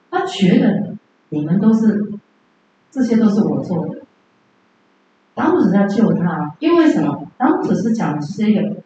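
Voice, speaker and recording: A woman teacher lectures on Buddhist scripture in a relaxed, conversational way and keeps checking in with her class. Her mellow voice rings through a very echoey room with dull, lo-fi sound. A faint hiss sits underneath. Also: medium pitch. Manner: conversational, asks the class questions.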